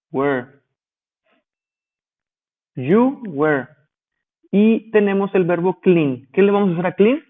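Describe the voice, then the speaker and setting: A male teacher giving a grammar lesson, explaining rules slowly and spelling out letters, pausing to check that listeners follow. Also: fairly high pitch. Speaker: English teacher. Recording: tinny phone-like audio.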